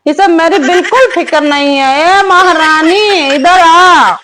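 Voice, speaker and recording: A woman voicing a bossy, aging mother-in-law who nags slowly and scolds in a comic family sketch. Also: extremely high pitch, bright, forceful tone, slight background noise, heavily acted. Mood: nagging. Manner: slow, scolding, drawn-out nagging.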